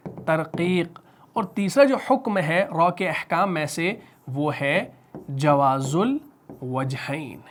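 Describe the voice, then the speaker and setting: A man with a Pakistani Urdu accent teaching Quran recitation rules, who asks the class questions, answers them himself and stretches out the example words slowly. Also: sits high, slight background noise. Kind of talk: spoken tajweed lesson at a whiteboard.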